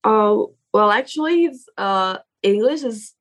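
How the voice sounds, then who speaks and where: A young Indonesian woman, speaking English as a guest in a relaxed interview, often stops to hunt for words and fills the gaps with lots of fillers. Her voice sits at a medium pitch with lively intonation, and her delivery is halting.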